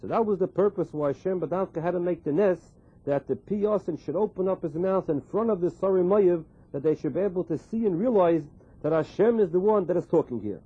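A man's voice: sits high, brisk, husky. A man gives a Torah lecture as a religious teacher, explaining scripture by repeating and translating quoted phrases. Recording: muffled, phone-like narrow sound.

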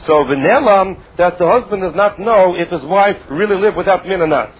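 A man's voice: sits high, moderate pace, slightly rough, narrow, tinny audio. A man with a Yiddish accent teaching a religious text, explaining emphatically with repetition and rhetorical questions. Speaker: Talmud teacher.

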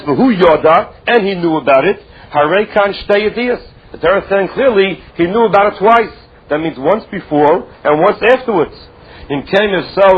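A man's voice: high voice, husky, highs cut off. A man with a Yiddish accent teaching a religious text, explaining emphatically with repetition and rhetorical questions. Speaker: Talmud teacher.

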